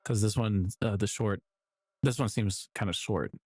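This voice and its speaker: A man with a lowish, slightly mellow, breathy voice speaks at a normal pace in a dry recording. He's a music producer streaming his work, casually talking to himself as he builds samples, rambling and correcting himself with little chuckles.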